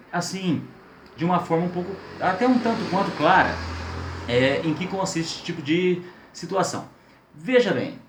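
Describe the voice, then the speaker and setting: A man's voice: sits high, a little hiss or hum. A man teaching a recorded lesson, who asks the class questions and stretches out his example words. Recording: echoey room.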